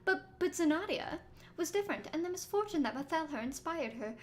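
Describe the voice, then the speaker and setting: A woman's voice: very high voice, expressive, fairly quick. A woman voicing an elegant, formal female guest in a game story, reading her lines aloud. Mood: poised.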